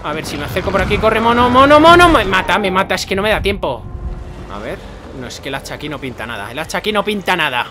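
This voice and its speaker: High-voiced Spanish gamer, swearing excitedly. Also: male voice, fast talker, background noise. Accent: Spanish from Spain. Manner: swearing, chanting urgent repeated commands, loud outbursts. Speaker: gaming streamer. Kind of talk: live gameplay commentary. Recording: loud game music behind.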